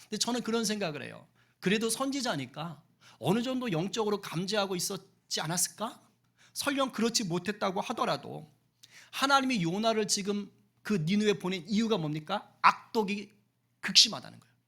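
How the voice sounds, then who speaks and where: High-voiced male pastor preaching conversationally. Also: animated, fairly quick, creaky, pushed and bright. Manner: conversational, asks the congregation questions, acts out quotes. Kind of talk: sermon.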